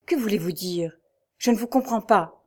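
A woman's voice: medium pitch, normal speed, slightly rough, close to an everyday voice. A woman voicing an earnest, loyal young knight who asks eager, concerned questions, in an audiobook reading.

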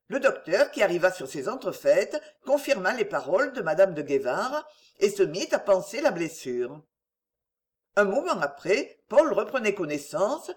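A woman narrating a novel as an audiobook, with expressive storytelling. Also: medium pitch.

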